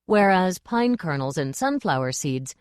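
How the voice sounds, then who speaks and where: A woman's voice: on the low side, very animated, measured pace, clean tone, no echo, clean studio sound. Prim, lecturing witch, read by a woman; clipped and tart. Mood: snappish. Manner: snappish, lecturing.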